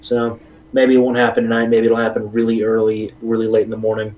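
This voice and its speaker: A man's voice: on the low side, completely flat delivery, quick pace, narrow, tinny audio. A man from South Texas bantering casually and easily as a co-streamer. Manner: easygoing, laid-back banter. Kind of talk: casual chat.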